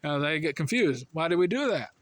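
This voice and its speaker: Speaking fast in a fairly high, sing-song voice, this American man rambles earnestly through casual religious commentary on a dry recording. Fillers like "you know" and "I mean" run throughout, and his pitch rises as he drives home each point.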